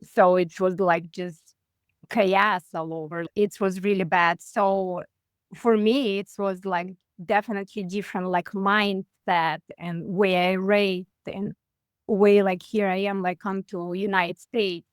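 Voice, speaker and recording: A woman in her forties from Russia with a Russian accent, chatting as a guest on a video call, halting and full of fillers. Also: medium pitch, steady tone, smooth, no echo. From Russia (far east). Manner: halting, many "like" fillers, simplified grammar. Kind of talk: casual interview over video call.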